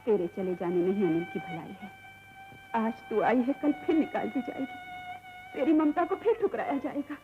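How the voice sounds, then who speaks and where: A grief-stricken maidservant mother, played by a woman, her high voice rising and falling as she pleads through tears. The sound comes from a dull, old film soundtrack with music clearly heard behind her. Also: expressive, moderate pace, close to an everyday voice. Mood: resolute. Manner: tearful, pleading. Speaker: servant woman Mangala. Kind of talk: 1960s film acting.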